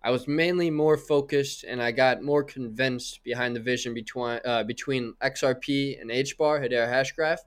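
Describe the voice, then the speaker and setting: A man's voice: medium pitch, steady tone, normal speed, few pauses, clean tone. A man hosting a podcast, greeting his guest and asking friendly, enthusiastic questions. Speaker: podcast host. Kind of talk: casual interview.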